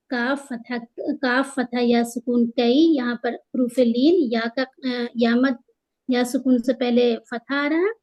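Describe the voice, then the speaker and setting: A woman teaching Quran tajweed, patiently explaining the rules and slowing down to stretch out each recited word. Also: sits high, darkish tone, rough recording. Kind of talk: tajweed lesson, spelling out letters and drawing out recited words.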